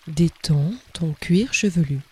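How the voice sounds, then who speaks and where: A man calmly guiding a relaxation exercise in a soft, breathy voice, leaving long pauses between short instructions. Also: on the high side. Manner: calm, soothing, unhurried delivery with long pauses. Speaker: relaxation guide. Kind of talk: guided relaxation, scripted narration.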